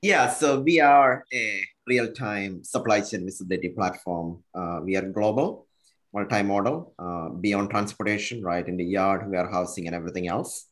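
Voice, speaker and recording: A man with a low voice speaks on a business panel over a video call. He pitches his company's platform and tags his sentences with "right?". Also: normal speed, fairly bright tone. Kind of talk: panel discussion.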